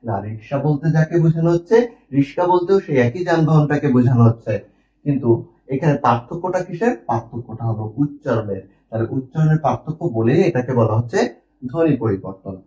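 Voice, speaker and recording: A man teaches an online grammar lesson with a dark, mellow voice. He explains step by step and asks questions that he answers himself. The recording is distant and lo-fi, in a roomy space. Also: medium pitch, lively intonation, quick pace.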